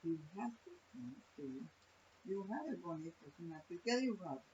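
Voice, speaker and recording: A woman leading a small home Bible study, reading scripture slowly and questioning the group with rising emphasis. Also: fairly low pitch, lively intonation, darkish tone. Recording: dull lo-fi recording with faint hiss.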